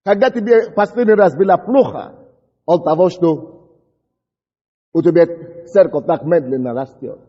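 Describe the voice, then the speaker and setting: The preacher's voice is slightly high and husky, moving at a measured pace with long pauses. He's a male native English speaker giving an impassioned sermon, shouting prayers and fumbling words, in a dull, echoey church-hall recording.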